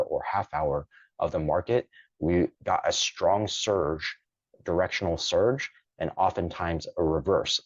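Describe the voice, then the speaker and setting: Male market analyst host, very deep voice, slightly hoarse, measured explainer, dry close sound. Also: a little mellow, no room sound, dull audio. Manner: measured, explanatory, thinking aloud with restarts. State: losing his voice. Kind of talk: pre-market analysis talk.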